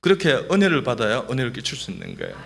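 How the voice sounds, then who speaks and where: With a medium-pitched voice touched by vocal fry, a middle-aged doctor races through a comic testimony in church. His manner is lively and playful, and he has the congregation echo phrases back to him.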